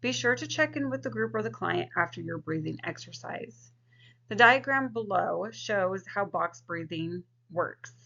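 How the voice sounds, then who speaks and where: Creaky-voiced woman giving an instructional presentation. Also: mid-range voice, expressive, a little slow, pushed and bright. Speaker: social work student presenting. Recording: dull, lo-fi microphone sound.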